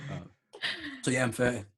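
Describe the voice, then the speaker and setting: A man in his thirties hosting a podcast, rambling and self-mocking, laughing often. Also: mid-range voice. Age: 30s. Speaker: podcast host. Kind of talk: casual podcast chat.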